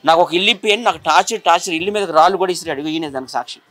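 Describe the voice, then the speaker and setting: A man being interviewed, complaining rapidly and indignantly. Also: a little high, fairly bright tone. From Vizag. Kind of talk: heated interview.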